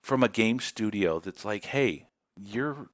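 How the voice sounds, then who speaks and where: Homem com voz grave e seca, falando rápido. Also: male voice, on the low side, lively intonation, slow, no room sound, clean studio sound. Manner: rambling, emotional, frequent restarts. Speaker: community podcast host. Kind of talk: casual livestream chat.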